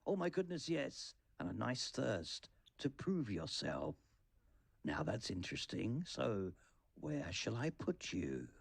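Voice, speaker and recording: A man plays an enchanted talking hat from a children's storybook. It weighs its words theatrically and stretches them out, with a very lively, swooping pitch. The sound is close and dry. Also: creaky, breathy edge, no echo, heavily acted. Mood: musing, sly. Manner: theatrical, pondering, drawn-out words. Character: magical sorting hat, booming when announcing, small musing voice in the ear.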